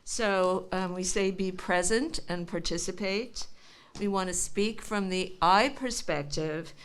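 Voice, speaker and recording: A woman's voice: lowish voice, slow pace, slight background noise. A woman at a community meeting reading out group guidelines.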